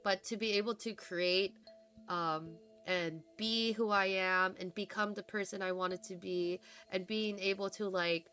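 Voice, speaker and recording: A woman's voice: medium pitch, fairly even intonation, unhurried, pushed and bright, clean tone, soft background music. A young adult woman streaming live, talking casually and from the heart, rambling with many fillers and restarts and close to tears. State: emotional, holding back tears.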